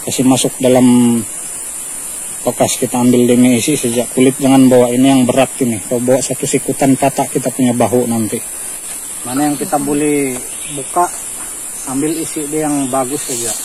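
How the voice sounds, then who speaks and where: Pria Malaysia bersuara datar, alam terbuka. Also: male voice, mid-range voice, brisk, long pauses, low-quality recording. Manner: relaxed explaining, steady even delivery. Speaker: vlogger. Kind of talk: casual outdoor vlog. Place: hillside durian orchard, outdoors. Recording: outdoor recording with clear background noise.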